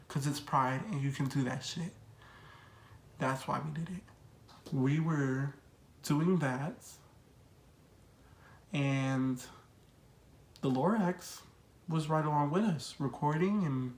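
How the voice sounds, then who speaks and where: A young adult vlogger tells a personal story in casual, slang-heavy chat and repeats phrases for emphasis. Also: medium pitch. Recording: echoey room.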